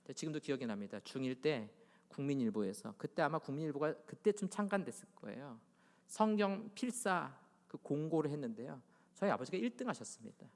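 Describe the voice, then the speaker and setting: A middle-aged male pastor with a high voice for a man delivers a Sunday sermon, firing rhetorical questions at his listeners. He swings from loud, urgent exhortation to hushed, almost whispered asides. His voice rings with the long reverb of a church sanctuary. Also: big pitch swings, a little fast. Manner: presses the congregation with rhetorical questions.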